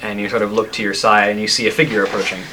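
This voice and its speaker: A man narrating a tabletop game as game master, improvising descriptions in halting phrases. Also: on the low side, little pitch movement. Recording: faint background noise.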